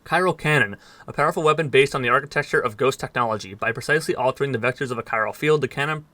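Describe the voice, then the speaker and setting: A man races through in-game text, reading it aloud for his viewers. His voice is bright and crisp, recorded close and dry with no room sound. Now and then he trips on a word or drops a dry aside. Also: medium pitch, no room sound. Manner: fast, slightly stumbling reading with dry asides. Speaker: gaming let's player.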